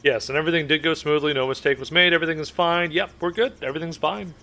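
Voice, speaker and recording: A man's voice: fairly high pitch, fairly even intonation, fast, sharp tone. A man streaming a video game, making joking, sarcastic asides as he plays. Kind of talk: live game commentary.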